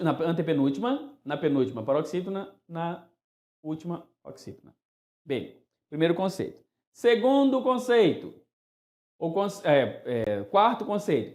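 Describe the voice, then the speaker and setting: This grammar lesson comes from a male teacher whose voice sits high and echoes around him. Animated and playful, he now and then sings words out to mark where the stress falls.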